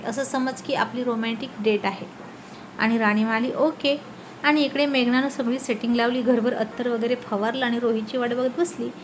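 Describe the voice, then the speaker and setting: A woman narrating a family story and voicing every character in an animated way. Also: on the high side, a little hiss or hum, poor audio. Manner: lively, animated narration with raised voice for quarrels.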